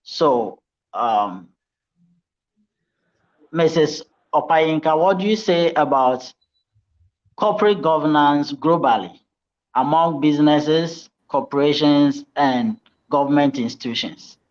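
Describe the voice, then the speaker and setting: A man moderating a conference panel, slow and hesitant with many ums. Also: on the high side. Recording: dull lo-fi audio.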